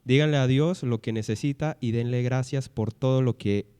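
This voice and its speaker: A man's voice: medium pitch, moderate pace, warm tone, smooth, in a large hall. A man who co-hosts a Bible podcast and leads a youth group, reading verses aloud and then explaining them. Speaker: youth pastor and co-host. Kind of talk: Bible study podcast talk.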